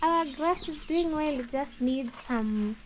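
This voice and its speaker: A woman's voice: sits high, slow pace. A woman chatting casually as she walks through her garden, musing aloud and admiring the plants, recorded outdoors on a phone. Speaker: vlogger. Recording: outdoor noise, birdsong.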